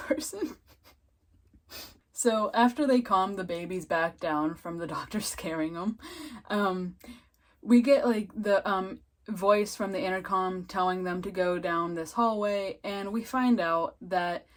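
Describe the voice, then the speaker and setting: A woman casually recapping and reviewing a TV episode, chatty and full of filler words, often breaking into giggles. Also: medium pitch.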